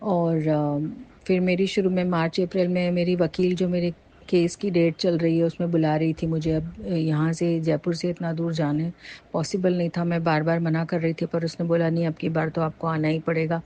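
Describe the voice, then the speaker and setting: A woman earnestly retelling a personal devotional experience in a casual, animated way, with frequent fillers. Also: fairly low pitch, moderate pace. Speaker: devotee sharing a testimony.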